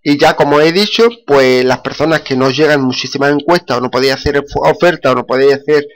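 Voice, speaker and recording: A man's voice: on the high side, fast. A man with a Spanish accent casually talking through his screen recording, with many fillers and restarts. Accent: Spain. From Spain. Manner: repetitive, frequent fillers and restarts. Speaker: screencast vlogger.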